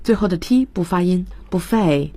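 A woman's voice: lowish voice, moderate pace, a little mellow, slightly rough, no echo. A woman teaching English words on a radio lesson, explaining each word and spelling it out letter by letter. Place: radio studio.

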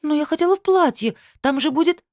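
A woman's voice: mid-range voice, fairly quick, warm tone, no room sound, studio quality, voice pushed up, lightly acted. A woman reading an audiobook, voicing a plaintive young woman who whines about a broken iron. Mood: tearful.

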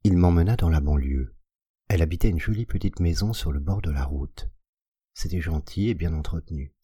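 A man giving a measured, expressive scripted narration of a classic tale for an audiobook, recorded on a close mic. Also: sits low, breathy edge, dry recording. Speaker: audiobook reader.

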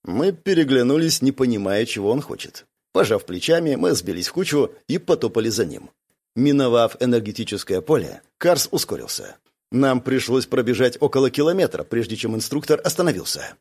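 A man's voice: medium pitch, very animated, a little fast, a little mellow, breathy edge. A man reading a first-person audiobook in a dry, matter-of-fact way. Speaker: audiobook narrator. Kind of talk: first-person scripted narration.

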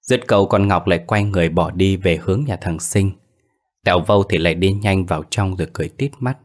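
A man narrating a ghost story in a steady storytelling manner. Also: low voice, fairly quick. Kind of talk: scripted narration.

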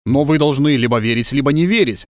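A man's voice: medium pitch, quick pace, dry recording, clean studio sound, pitched above the performer's own voice, natural voice. A man voicing a stern, dismissive police officer who questions a woman in curt, commanding phrases.

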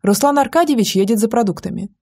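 Woman reading a calm male guard. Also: on the high side, quick pace, gravelly, slightly rough, exaggerated voice. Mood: calm coaxing. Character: calm good-natured male estate guard. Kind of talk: audiobook character voice.

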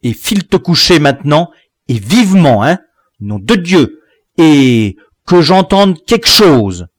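A man voicing a gruff, furious rural father who swears and shouts at his son. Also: a little high, sing-song, takes it slowly, no echo, studio quality, pitched above the performer's own voice, heavily acted. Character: angry rural French father, gruff, scolding.

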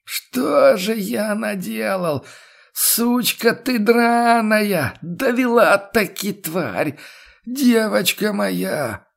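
A man's voice: mid-range voice, big pitch swings, pitched above the performer's own voice, exaggerated voice. Man doing a groaning hungover young prisoner. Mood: wailing despair. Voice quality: hoarse, strained.

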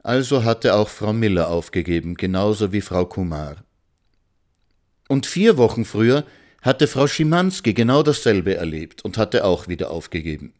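A man narrates a storybook in a calm, measured way. His voice sits on the low side, and he tells the story plainly and steadily.

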